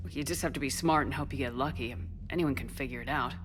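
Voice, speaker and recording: Steady female war-hero commander, deep for a woman, terse, controlled, video game drama, light background noise. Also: fast. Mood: reserved, doubtful. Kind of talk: scripted video game acting.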